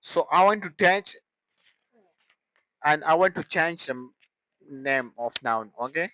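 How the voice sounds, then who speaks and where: A young man teaching an English grammar lesson, explaining slowly and deliberately and repeating example sentences. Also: on the high side, lively intonation, sharp tone, dry recording, low-quality recording.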